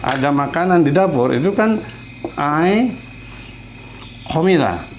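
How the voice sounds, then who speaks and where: A man teaching a beginner Spanish lesson in a casual, patient way, repeating his examples slowly and clearly. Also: fairly high pitch, expressive, slight background noise.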